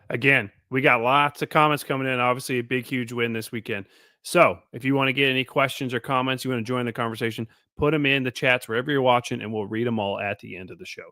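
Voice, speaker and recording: A man's voice: mid-range voice, bright, forceful tone, dry recording, studio quality. A man hosting a live sports talk show, steering the talk from topic to topic and taking questions from the chat. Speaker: show host.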